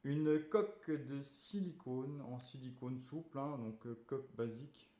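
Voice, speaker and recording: A man talks slowly through an unboxing, casual and relaxed, stopping often for fillers as he goes. His voice sits mid-range and sounds roomy, as if he is in an echoey space. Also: mid-range voice, noisy background. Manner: hesitant, many fillers, relaxed and chatty. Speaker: tech reviewer unboxing a phone. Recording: echoey room.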